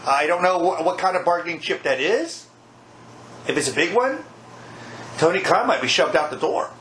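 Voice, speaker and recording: A man's voice: on the high side, animated, normal speed, a bit bright. A man talking casually about wrestling as a podcast co-host. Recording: echoey room, faint background noise.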